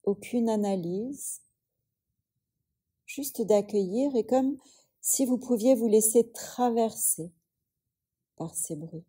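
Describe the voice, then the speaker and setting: Speaking a little high, this woman has a husky voice with a dark tone. She's a yoga teacher leading a guided relaxation, calm and slow, letting long silences fall between her phrases.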